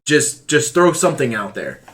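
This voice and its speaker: A man hosting a casual web show, joking crudely and laughing loudly with his guest. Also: mid-range voice, very animated, normal speed. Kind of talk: casual chat.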